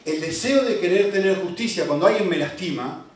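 A man's voice: high-pitched, a little fast. A man preaching a sermon with emphatic repeated refusals, sounding like a preacher speaking to a congregation. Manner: animated, emphatic repetitions of "no". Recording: echoey hall, distant mic, faint ambience.

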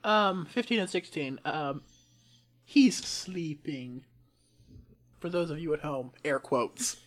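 A woman's voice: deep voice, expressive, normal speed, a bit bright. Giggly woman running a tabletop game. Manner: giggly, teasing, lots of filler words. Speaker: game master.

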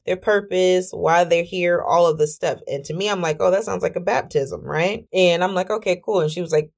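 Lady telling a story on her podcast, kinda low voice, lots of likes and whatevers. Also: darkish tone. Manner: chatty, many fillers like "like" and "or whatever". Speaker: podcast host. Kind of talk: casual storytelling.

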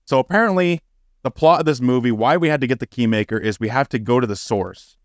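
A man's voice: fast, dry recording, studio quality. Profane ranting man podcast host. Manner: profane, ranting, gets loud and high when exasperated. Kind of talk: casual podcast chat.

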